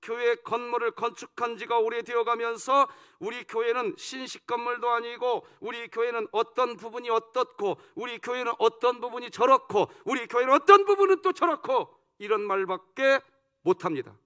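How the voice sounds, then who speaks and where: High, bright-voiced preaching pastor. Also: male voice, normal speed, clear, resonant tone. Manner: lively preaching with call-and-response and teasing the congregation. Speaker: senior pastor. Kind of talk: sermon. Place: church sanctuary.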